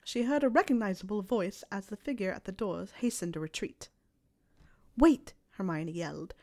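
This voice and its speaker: Woman softly narrating a romance story. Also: medium pitch, expressive, fairly quick. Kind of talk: reading fan fiction aloud.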